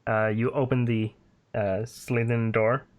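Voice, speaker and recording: A man's voice: mid-range voice, little pitch movement. A man narrating a tabletop role-playing game as game master, hesitant and full of fillers. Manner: slow and hesitant, many fillers.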